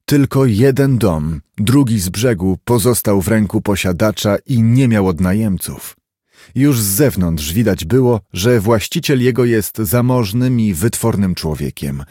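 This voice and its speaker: A man reads a classic novel aloud in a steady, measured way. His voice sits on the low side. The recording is dry and close. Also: slightly rough, no room sound. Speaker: audiobook narrator. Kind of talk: scripted narration.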